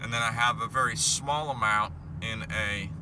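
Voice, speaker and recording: A man vlogging in a casual, rambling, playful way, halting as he goes, with a whistling S. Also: on the low side, fairly even intonation. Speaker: vlog host. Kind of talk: casual rambling solo talk. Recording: noisy, car noise behind voice.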